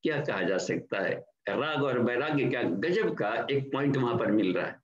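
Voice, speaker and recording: An older man from India, giving a slow, explanatory devotional lecture as a spiritual trainer and slipping English words into his talk. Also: medium pitch, expressive. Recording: dull, echoey online class audio.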